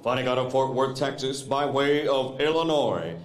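A man working as a boxing ring announcer, stretching out the fighters' names. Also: mid-range voice. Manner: drawn-out shouted fighter names. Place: convention center arena. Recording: echoey arena sound.

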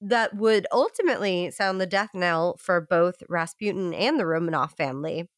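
A woman's voice: on the low side, normal speed, no room sound, clean studio sound. A woman co-hosting a comedic history podcast, reading from her notes with giggly asides.

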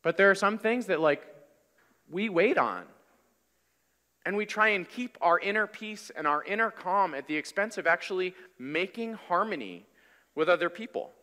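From the pulpit of a large church, a pastor in his thirties delivers a sermon in a conversational, energetic way at normal speed. His high voice sounds bright and forceful and rings out with a long hall reverb.

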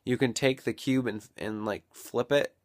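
A young man vlogging casually at home, rambling and thinking out loud into a built-in camera mic. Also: medium pitch, fairly even intonation, normal speed. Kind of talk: casual daily vlog.

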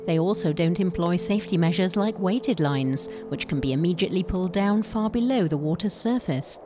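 A woman's voice: lowish voice, expressive, fairly quick. A woman reading scripted nature documentary narration as a voice-over. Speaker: report narrator. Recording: voice-over with music bed. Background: music.

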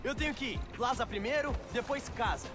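An actor playing an upbeat young male superhero in a video game, talking casually and quickly. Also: extremely high pitch, lively intonation. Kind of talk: game voice acting. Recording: game audio over loud music.

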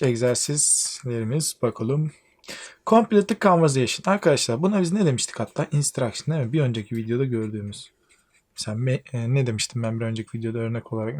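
A male English teacher with a Turkish accent, chatting through a lesson, reading English lines slowly and translating them for his students. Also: medium pitch, darkish tone. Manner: chatty, addresses viewers as friends, reads English lines slowly then translates. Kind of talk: classroom lesson explaining exercises.

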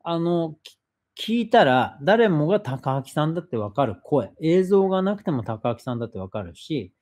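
A man's voice: a little high, big pitch swings, moderate pace, darkish tone. Man reading out and answering viewer questions. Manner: reads a viewer's question aloud, then explains at length. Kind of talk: casual live-stream talk.

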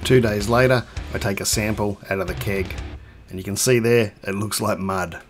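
This man in his fifties, with an Australian accent, hosts a home brewing channel and reviews beer casually from the bar room in his house. He talks in a chatty, rambling way, full of ums and restarts, at a moderate pace with a lowish, steady voice. Faint music plays behind him.

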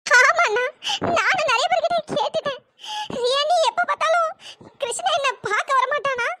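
A woman's voice: very high-pitched, normal speed, pushed and bright. A woman voicing a worried younger sister in a cartoon story, earnest and pleading.

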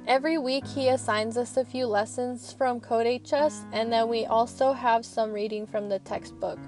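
A woman's voice: fairly high pitch, fairly even intonation, normal speed, a little mellow, faint music behind. A young woman student rambling in a chatty, earnest voice-over, recorded in her parked car. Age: young adult. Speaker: student vlogger.

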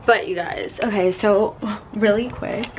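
A woman's voice: mid-range voice, steady tone, measured pace. A woman in her twenties chatting casually to camera in a vlog, sometimes dropping to a whisper. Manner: chatty, with whispered morning asides. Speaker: vlogger. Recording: noisy phone-camera vlog audio.

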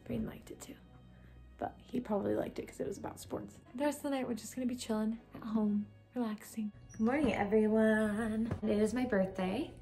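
A young woman in her twenties talks to a camera held at arm's length, chatty and bubbly, with plenty of likes and ums. Her voice sits a little high, and soft music plays faintly underneath. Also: steady tone, fairly quick. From USA. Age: 20s. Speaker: vlogger. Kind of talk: casual vlog talk to camera. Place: apartment, car and outdoors. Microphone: handheld phone or camera at arm's length.

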